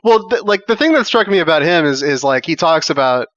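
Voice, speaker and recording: Dude on a podcast cussing constantly, rambly, kinda muffled audio. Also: male voice, on the high side, lively intonation, fairly quick, a bit bright, no echo. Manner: blunt, swears a lot, rambling. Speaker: podcast co-host. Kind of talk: casual movie chat. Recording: dull lo-fi sound.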